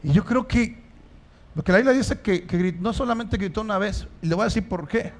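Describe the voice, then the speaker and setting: A high-pitched male pastor, speaking a little fast, delivers a church sermon full of rhetorical questions aimed at the congregation, building to emphatic stresses.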